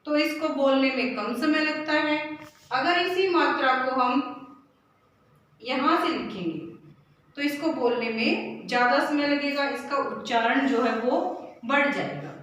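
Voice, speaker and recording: A woman's voice: high-pitched, fairly bright tone. A woman teacher giving a first-grade lesson, patient and repetitive, sounding out letters one by one. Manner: slow, patient, repeats points and spells out letters. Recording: echoey room, voice from far off.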